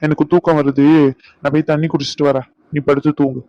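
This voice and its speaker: A man's voice: on the high side, flat delivery, no echo, dull audio, lightly acted. A man voicing a hot-tempered young cartoon husband. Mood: sulky. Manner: blunt, quick to anger, then pleading. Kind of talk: cartoon voice acting.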